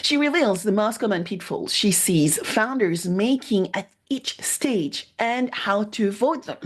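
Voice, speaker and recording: A woman's voice: medium pitch, animated, a little slow. Woman podcast host. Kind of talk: podcast interview introduction and questions.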